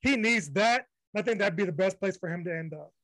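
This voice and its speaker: A man's voice: high voice, a little fast, fairly bright tone, dry recording, low-quality recording. A man hosting a sports podcast, talking bluntly and dismissively in casual chat and steering the segments. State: low energy from fasting. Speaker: podcast host.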